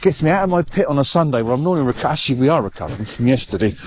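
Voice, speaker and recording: Racing along in a mid-range, darkish voice with big pitch swings, a middle-aged male travel vlogger rambles breathlessly through a casual walk-and-talk in a park by the water. He chats with constant "uh"s and restarts, and the muffled lo-fi recording picks up noticeable outdoor noise.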